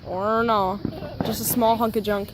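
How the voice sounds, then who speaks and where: A woman chatting casually and excitedly while filming fireworks outdoors, often whooping and shouting. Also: medium pitch, a little slow, background noise. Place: outdoors during a fireworks display. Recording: outdoor phone audio with loud firework bangs.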